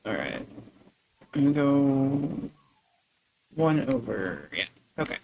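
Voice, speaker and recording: Slow, gravelly soft-spoken man streaming. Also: medium pitch, big pitch swings, lo-fi sound, slight background noise. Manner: soft-spoken, unhurried, chuckles often; talks through building steps to viewers. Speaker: livestream host. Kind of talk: relaxed gaming livestream chat.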